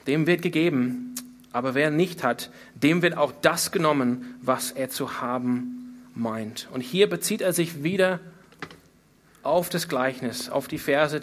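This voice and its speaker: With a fairly bright tone and a slightly high voice, a man preaches an expository Bible sermon. He is earnest, repeating points emphatically and posing rhetorical questions.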